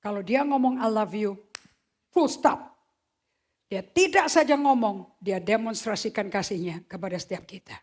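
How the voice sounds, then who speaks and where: A woman's voice: mid-range voice, moderate pace, a little mellow. A woman preaching a sermon, emphatic and slipping English phrases into her talk. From Indonesia.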